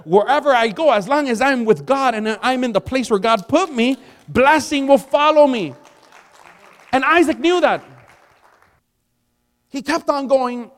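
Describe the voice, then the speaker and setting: A man's voice: extremely high pitch, animated, measured pace, long pauses, some chatter behind. A man in his forties preaching a sermon in a conversational style, rising to emphatic peaks. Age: 40s. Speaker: pastor. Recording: long hall reverb.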